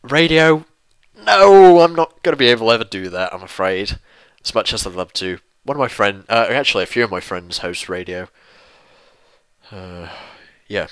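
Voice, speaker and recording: A man's voice: fairly low pitch, expressive, normal speed, a bit bright, clear, resonant tone, no echo, poor audio. A young man hosting a let's play channel, answering viewer questions in a casual, rambling and self-deprecating way, swearing freely and restarting his sentences.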